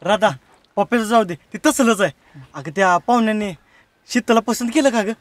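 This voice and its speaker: An actor playing a young village man who talks fast and brushes things off. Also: high-pitched, no room sound, natural voice.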